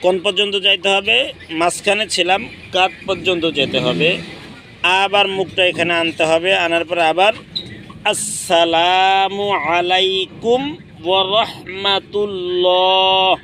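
A man teaching correct prayer recitation in a slow, deliberate way, drawing out the chanted Arabic phrases. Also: sits high, sharp tone, a little hiss or hum. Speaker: religious teacher. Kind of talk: instructional talk on prayer recitation.

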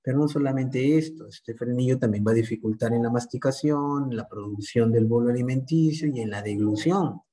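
A man with a Peruvian Spanish accent speaks as a speech therapist addressing parents. He explains at an even, patient pace, softening his words with diminutives and pausing for rhetorical check-ins. His voice sits at an ordinary middle pitch for a man. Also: rough recording. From Peru. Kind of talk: informative talk to parents.

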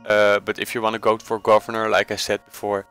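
In this casual game tutorial voice-over, a man from the Netherlands speaks with a Dutch accent in a voice that is low, flat and bright. He stumbles along, saying "uh" often and fixing his words partway through, while gentle music plays underneath.

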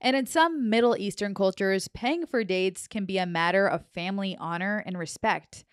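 A young woman hosts her own podcast, reading a prepared explainer with chatty, joking asides. Her voice is smooth and clean, recorded close on a handheld mic. The small home studio around her sounds dry and dead. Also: medium pitch, moderate pace, dry recording. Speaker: podcast host. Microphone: handheld dynamic mic, headphones.

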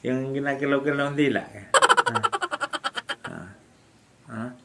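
Halting, chuckling Filipino man. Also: mid-range voice, very noisy. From Philippines. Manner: halting speech with frequent fillers and restarts; laughs often while explaining. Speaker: stroke survivor sharing home exercises. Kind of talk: casual instructional vlog.

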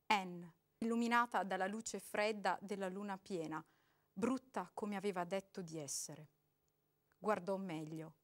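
A woman giving an expressive, dramatic reading of a short story aloud. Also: medium pitch. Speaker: reader.

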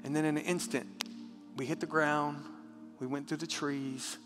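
A man preaching a passionate sermon as pastor, repeating words when moved and dropping to a hush for a personal story. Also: a little high, level tone, moderate pace. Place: church sanctuary. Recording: church hall with reverb and faint music.

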